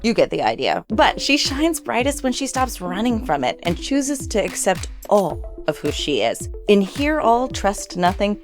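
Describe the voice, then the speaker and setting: Lively, upbeat woman host. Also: mid-range voice, a little slow, few pauses, faint music behind. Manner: upbeat, playful. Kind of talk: scripted video essay narration.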